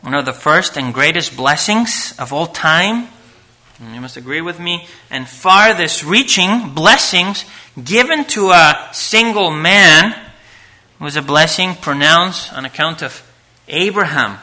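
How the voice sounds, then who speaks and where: Guy preaching at a pulpit mic, real slow and deliberate, earnest, goes loud then hushed. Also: fairly high pitch, lively intonation. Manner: earnest, reads scripture aloud, swings between loud emphasis and hushed asides. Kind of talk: sermon to a live congregation.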